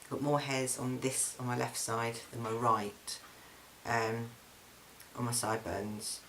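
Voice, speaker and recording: The audio is poor, with a faint hiss, as a young man from England records a casual video diary in his flat. He chats in a mid-pitched, mostly monotone voice, filling pauses with ums and restarting his sentences.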